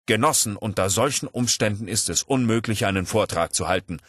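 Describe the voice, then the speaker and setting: A man's voice: fairly low pitch, fairly quick, a bit bright, slightly rough, no room sound, studio quality. A man voicing a stubborn, pompous man who lectures his comrades in a raised, insistent, declaiming voice. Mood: lecturing.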